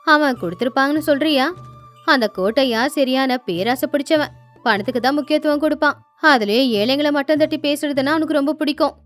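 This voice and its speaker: A woman's voice: high-pitched, fairly quick, soft background music, lightly acted. A woman voicing a sympathetic, outspoken female neighbor in a storybook, frank and reassuring. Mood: gossiping. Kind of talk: storybook narration with character voices.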